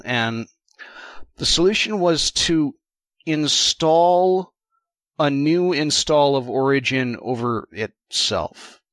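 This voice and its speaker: A man's voice: medium pitch, a bit bright, no room sound. A man co-hosting a casual gaming podcast, wry and teasing, rambling through stories. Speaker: podcast co-host.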